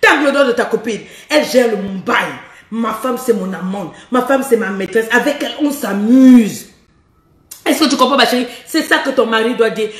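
A high-pitched woman with a hoarse edge to her voice gives frank relationship advice as a coach. She is bold and teasing, laughing between lines and speaking right to her listener. The sound carries a roomy echo. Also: fairly quick, recorded from a distance. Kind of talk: frank advice monologue to women viewers.

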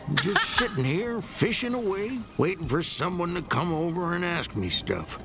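A man playing a gloomy, gruff old alien fisherman in a comedic video game, grumbling wearily and bluntly. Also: high voice, big pitch swings, normal speed. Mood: lonely, hinting. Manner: gruff, world-weary grumbling. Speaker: non-player character. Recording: music behind the voice.

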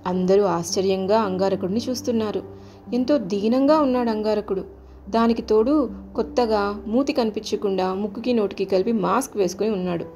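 A woman storyteller narrating a scripted children's tale, calm and expressive, her voice mellow and soft-edged. Faint music plays softly behind her. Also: medium pitch, brisk.

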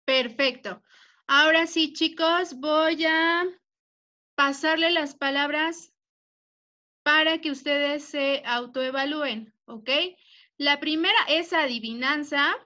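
Woman teacher, young, high and bright, slow and patient, affectionate with kids, dull video-call audio. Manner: patient, spells words out, checks in with "ok?"; affectionate with pupils. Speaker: primary school teacher. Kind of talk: online class instruction. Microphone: computer mic on a video call.

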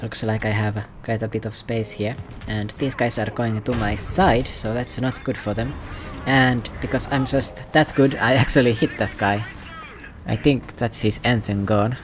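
A man's voice: lowish voice, fairly even intonation, moderate pace, noisy background. A man giving casual, self-mocking, rambling commentary over his gameplay. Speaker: gaming commentator.

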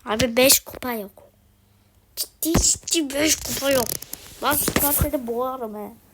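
Slow, exasperated woman gaming. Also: high-pitched, noisy background. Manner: exasperated, exclaiming and pleading at the game. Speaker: gaming video host. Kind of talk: live game commentary.

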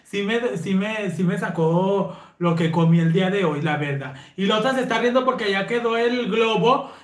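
A woman's voice: mid-range voice, normal speed, reverberant. A woman with a Mexican Spanish accent, telling raunchy stories to her viewers in a brassy, slangy manner and laughing often. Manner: brassy, slangy, laughing, addresses listeners as sisters. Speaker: host. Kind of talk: raunchy casual storytelling to viewers.

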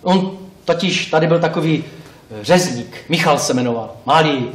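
A man playing a talkative, wistful male pig who rambles, corrects himself, speaks straight to the audience and bursts into indignant shouts, on a theatre stage. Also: a little high, animated, far from the mic, slight background noise, close to an everyday voice. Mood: pleading. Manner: rambling, self-correcting, addresses the audience directly. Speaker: stage actor. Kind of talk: live stage monologue. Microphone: distant room mic. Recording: roomy live stage recording from afar.

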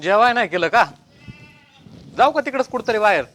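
A man plays a petulant young husband, bossing and whining in a comedy sketch. His voice is very high and bright. He talks fast. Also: expressive. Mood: bossy. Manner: whiny, bossy.

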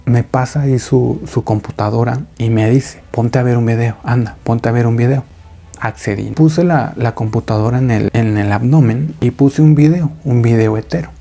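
A man's voice: medium pitch, vocal fry, warm tone. A man narrating a listener's story in a conversational way, speaking directly to his audience. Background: faint background music.

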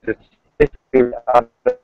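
A man calling in as a guest from the passenger seat of a car. His mobile connection is breaking up and he talks hesitantly, with pauses. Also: music in the background. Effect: mobile connection breaking up and dropping out. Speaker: call-in guest. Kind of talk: casual talk-show discussion. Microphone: phone over a 4G call. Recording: dull lo-fi call audio, dry.

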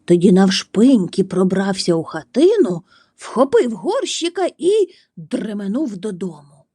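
Slow, animated woman reading a children's tale. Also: medium pitch, husky, no echo, studio quality. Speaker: storyteller. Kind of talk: reading a children's storybook aloud.

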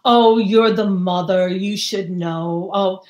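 A woman's voice: medium pitch, steady tone, takes it slowly, darkish tone, echoey room, natural voice. A woman voicing a subway token booth man who questions a mother, then waves her along. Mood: brusque.

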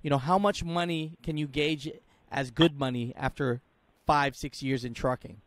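Into a studio mic, with headphones on, a man in his thirties hosts a casual interview with encouraging enthusiasm. His voice is a little high and steady, at a moderate pace, with no room sound.

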